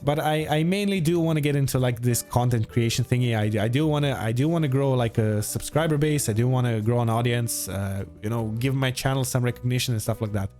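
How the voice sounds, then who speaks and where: Man, twenties, Croatian accent, mid-range pitch, casual livestream chat, informal and opinionated, music in the background. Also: brisk, hardly any pauses, a little mellow. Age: 20s. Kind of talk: casual livestream chat answering viewer questions. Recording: music behind the voice.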